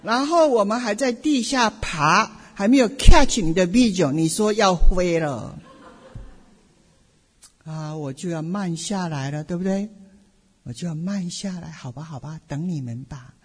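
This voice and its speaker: A middle-aged woman pastor giving a personal testimony sermon, telling her story in an animated way with playful asides. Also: fairly low pitch, a little slow, slightly rough. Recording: long hall reverb.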